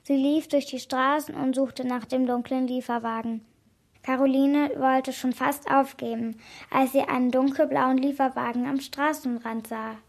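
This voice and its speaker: A woman with a high voice reads a children's story aloud. Her reading is clear and expressive, and she keeps a steady storybook rhythm. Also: normal speed.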